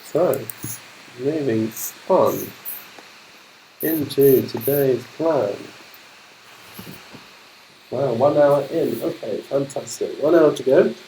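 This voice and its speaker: A man from London with a polished, non-Cockney London accent, an English teacher commentating a game livestream, speaking slowly and clearly for learners. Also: mid-range voice, dark tone, slight background noise, low-quality recording. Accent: polished London English, not Cockney. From London, England. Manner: upbeat, keeps saying fantastic.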